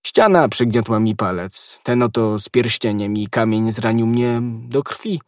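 A man reading the part of a bold young musketeer in an audiobook, offhand and brisk. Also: lowish voice, no room sound, clean studio sound, close to an everyday voice.

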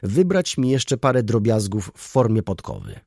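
A man's voice: lowish voice, wildly swooping pitch, moderate pace, gravelly, darkish tone, no echo, clean studio sound, full character voice. A man voicing a fussy, absent-minded aristocratic baron who rambles and fawns. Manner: fawning, rambling, eager.

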